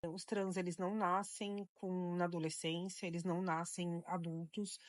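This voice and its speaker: A mother speaking in a documentary interview, giving a calm, matter-of-fact account. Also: fairly low pitch, normal speed, no echo. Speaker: parent interviewee.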